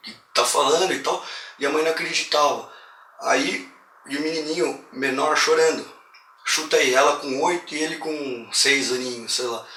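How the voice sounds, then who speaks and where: A man with a Brazilian accent casually retelling a horror film plot, slangy and animated. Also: fairly high pitch, far from the mic. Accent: Brazilian Portuguese. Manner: slangy, animated retelling that acts out quoted lines. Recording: roomy echo, voice a bit off-mic, faint hiss.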